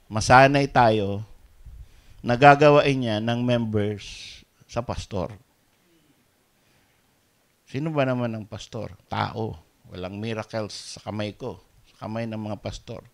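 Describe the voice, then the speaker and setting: A Filipino-accented man preaching a sermon at an unhurried pace. He moves between quiet, almost murmured asides and loud, emphatic rises, mixing in English phrases. His pitch sits in a middle range. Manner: switches between Tagalog and English, swinging from soft asides to loud emphatic peaks. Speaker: pastor.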